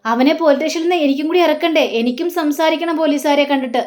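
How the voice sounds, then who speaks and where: A woman's voice: high voice, very fast, darkish tone, close to an everyday voice. A woman voicing a distressed older father pleading over his son, in a casual storytelling retelling. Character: worried grieving father, older man.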